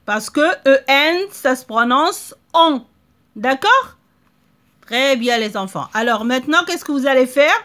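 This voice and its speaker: High bright-voiced teacher, slow and clear. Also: female voice, lively intonation. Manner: slow, drawn-out word modeling with frequent checks. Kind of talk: reading lesson for young children.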